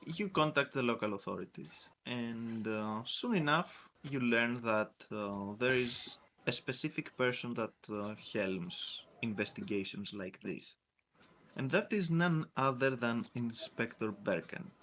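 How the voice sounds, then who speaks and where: Guy game mastering, slow and hesitant, kinda sharp bright voice, bit of noise behind. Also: medium pitch, expressive. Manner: halting, hesitant delivery. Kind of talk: improvised tabletop game narration.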